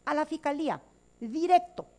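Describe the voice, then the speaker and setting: A woman's voice: sits high, expressive, moderate pace. A woman legislator with a Paraguayan Spanish accent giving a combative, emphatic floor speech in a legislative chamber.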